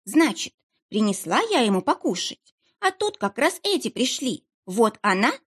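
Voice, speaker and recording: A woman's voice: fairly high pitch, sing-song, normal speed, a bit bright, slightly rough, voice pushed up, exaggerated voice. A woman voicing a young woman who plays dumb in a pitiful, trembling voice and rambles on nervously. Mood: pitiful chatter. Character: young woman playing a whiny simpleton.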